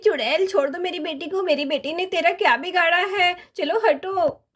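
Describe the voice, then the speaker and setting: A woman's voice: very high-pitched, normal speed, a bit bright. A woman voicing an anxious young mother searching for and pleading for her daughter in a doll story.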